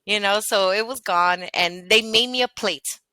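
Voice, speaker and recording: A woman's voice: mid-range voice, normal speed, bright, forceful tone, no room sound. A woman chatting casually on a podcast with her cousin, often slipping Spanish phrases into her English. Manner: chatty, slips into Spanish mid-sentence. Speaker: podcast co-host. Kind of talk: casual chat between cousins.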